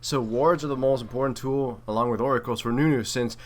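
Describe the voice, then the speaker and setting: In a steady, mid-range voice at a fairly quick pace, a gaming commentator and player keeps up wry, casual banter with mild swearing and trash talk. The home recording has clear noise.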